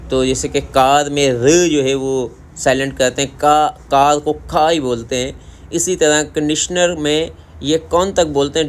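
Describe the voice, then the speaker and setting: A man's voice: fairly high pitch, a little hiss or hum. A man with a Pakistani Urdu accent giving a casual language lesson, saying each word again and again in a Korean-style pronunciation. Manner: repeats words slowly in a Korean-style pronunciation. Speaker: language teacher.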